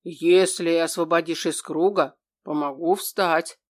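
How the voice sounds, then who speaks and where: A woman voicing a smug, grumbling male demon in an audiobook, speaking slowly and drawing out her words. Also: on the low side, fairly even intonation. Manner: slow, drawn-out and smug, at times breathy and soft.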